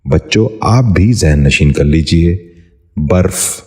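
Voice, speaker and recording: Male voice, very low, formal scripted lesson host, careful and polite. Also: expressive, darkish tone. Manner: formal, courteous, slow repetition of each word. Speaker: Urdu pronunciation teacher.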